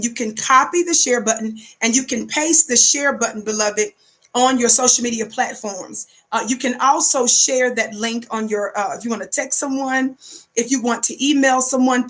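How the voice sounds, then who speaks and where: An American woman speaks in a somewhat high-pitched voice as the host of an online talk show. She addresses her viewers directly in a monologue. Her delivery is emphatic and preacherly, with phrases repeated as call-outs. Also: a bit bright.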